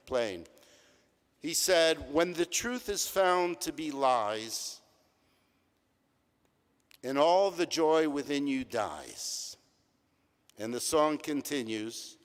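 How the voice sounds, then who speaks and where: An older man, a rabbi, giving a reflective sermon that tells stories and leans on measured emphasis. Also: fairly high pitch, a bit bright. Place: large synagogue sanctuary. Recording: long hall reverb.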